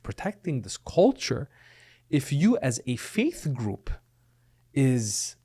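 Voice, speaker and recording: In a podcast interview, a middle-aged man with roots in Lebanon and the United States earnestly explains himself, often checking in with "right?". His voice sits at medium pitch, a little mellow and slightly rough.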